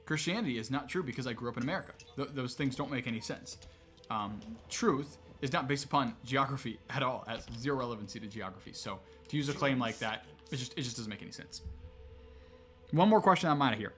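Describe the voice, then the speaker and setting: Soft music plays behind a man answering questions during a casual livestream Q&A. His voice is medium-pitched and quick, and he explains things at length in a relaxed, conversational way, saying "um" often.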